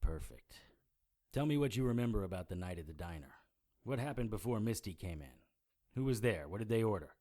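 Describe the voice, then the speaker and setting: An actor playing a wry, deadpan supernatural private eye who narrates his own audio drama in a hardboiled style. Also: on the low side, fairly quick, lightly acted. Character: dry-witted male private investigator narrator. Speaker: narrator and lead character.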